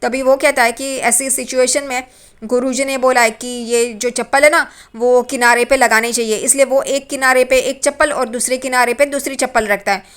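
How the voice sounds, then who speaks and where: A woman recaps an episode of a TV serial in plain, repetitive storytelling, repeating phrases like "yahan pe." Her voice is high-pitched and fairly bright, with a steady tone and moderate pace.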